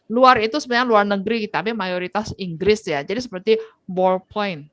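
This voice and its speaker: A woman's voice: mid-range voice, brisk, a bit bright, no room sound. A woman lecturing on Japanese language in an informal online class, talking conversationally and tagging her sentences with "ya".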